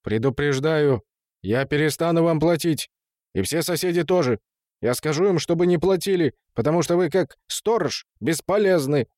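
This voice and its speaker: A man's voice: on the high side, expressive, moderate pace, darkish tone, dry recording, studio quality, voice pushed up, lightly acted. A man reading an audiobook, voicing an irate middle-aged husband who scolds and blusters. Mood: angry scolding. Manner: scolding, indignant. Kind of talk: audiobook character voice.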